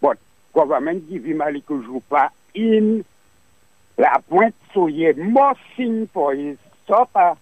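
A man's voice: on the high side, lively intonation, a little slow, no room sound. A man calling in to a radio show, curt and sarcastic. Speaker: caller. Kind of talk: call-in complaint. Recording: dry muffled phone line.

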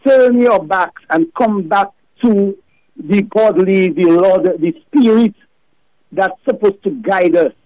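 A man's voice message, played back on air, with a slightly raised pitch. He preaches and rambles, pressing his points with fervor. The voice memo sounds dull and lo-fi, dry and close. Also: dark tone, no room sound. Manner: preachy, rambling, with rising fervent emphasis. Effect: recorded voice message played on air. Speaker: listener sending a voice note to a radio show. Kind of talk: impassioned religious monologue.

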